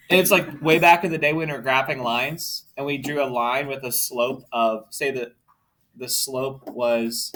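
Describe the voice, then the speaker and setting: A male math teacher leads his classroom through a lesson, firing off quick questions to draw out answers. His voice sits at an ordinary middle pitch, with a faint hiss of noise underneath. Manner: brisk, coaxing questions to students.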